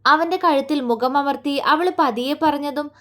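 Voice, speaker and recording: Woman storyteller, high-pitched, tender romantic narration. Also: normal speed, a bit bright.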